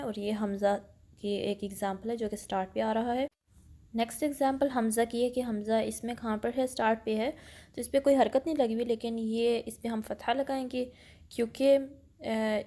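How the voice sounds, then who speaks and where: A woman's voice: fairly high pitch, darkish tone. A woman teaching an online Quran pronunciation lesson, explaining step by step and slipping English phrases into Urdu. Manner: slowly draws out example words for practice; careful, apologetic about her Urdu reading.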